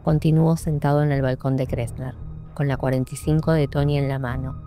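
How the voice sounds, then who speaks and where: A woman narrating an audiobook in a measured, sombre reading. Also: a bass voice, little pitch movement, warm tone. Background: faint music.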